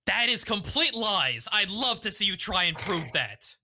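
A man's voice: high-pitched, sing-song, measured pace, pushed and bright. A man playing a tabletop role-playing game, arguing in character in an earnest, defiant manner. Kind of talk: impassioned in-character argument.

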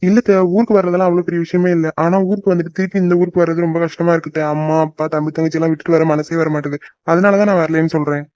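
A woman doing a low-voiced earnest young son. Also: steady tone, rapid-fire, darkish tone, dry recording, close to an everyday voice. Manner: earnest, reluctant. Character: dutiful young working son, homesick. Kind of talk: cartoon voice acting. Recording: dull lo-fi dry recording.

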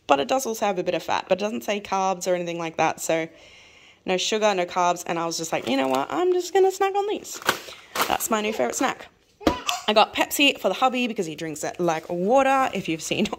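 Australian woman, 30s, casual family vlogger, chatty and rambling, talks fast, light background noise. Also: mid-range voice, fairly bright tone. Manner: chatty, rambling, quick with little laughs. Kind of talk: casual grocery haul vlog.

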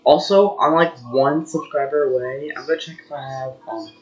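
A man's voice: fairly high pitch, steady tone, normal speed, slight background noise. Young male vlogger, rambling and hesitant, dull lo-fi mic. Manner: rambling, hesitant with many fillers. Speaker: gaming channel host. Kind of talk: casual vlog chat.

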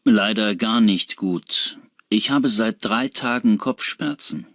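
A man's voice: on the low side, slow pace, a bit bright, no echo, clean studio sound, full character voice. A man acting an unwell, subdued patient in a scripted language-exam dialogue. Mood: glum, unwell.

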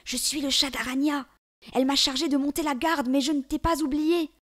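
A woman doing a high, eager little cat. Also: fairly even intonation, a little fast, close to an everyday voice. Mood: urgent. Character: small grateful male cat.

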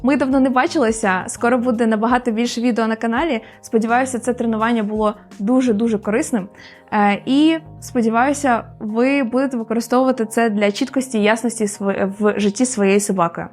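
A woman with a fairly high voice explains dog training in a relaxed, conversational lesson. She often stalls on little filler sounds and demonstrates sample cue words out loud. Soft music plays faintly underneath. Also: quick pace. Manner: frequent hesitation fillers, demonstrates words aloud.

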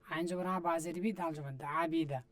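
His voice is a little high and a bit bright, with fairly even intonation and a slightly fast pace. The man, who has a Bangladeshi Bengali accent, patiently spells out Arabic letters and vowel marks in a Quran reading drill, repeating and addressing viewers.

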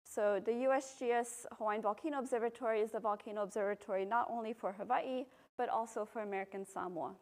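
A volcanologist from Belgium giving a public talk, a woman explaining at a podium microphone in a university lecture room, relaxed, with frequent ums. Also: on the high side, fast, hardly any pauses. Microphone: podium microphone, filmed from a far camera.

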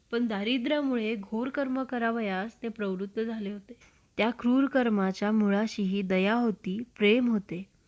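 A woman storyteller reading a classic book aloud in a measured, expressive narration. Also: fairly high pitch. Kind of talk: literary narration. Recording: dull lo-fi recording.

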